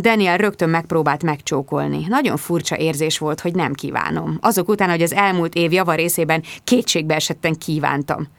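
Expressive woman narrating a novel. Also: lowish voice, no room sound. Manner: expressive, intimate storytelling reading. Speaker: audiobook narrator. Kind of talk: first-person audiobook narration.

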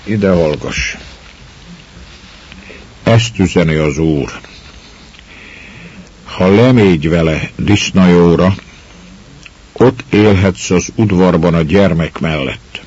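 A man voicing a plain male servant calmly relaying a message, on a slightly muffled recording. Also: sits low, long pauses, breathy edge.

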